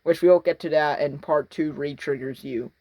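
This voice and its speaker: A man's voice: on the high side, steady tone, moderate pace, a little mellow. A young man giving casual, sarcastic commentary on a horror movie, rambling and mocking as he watches. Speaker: reaction video host.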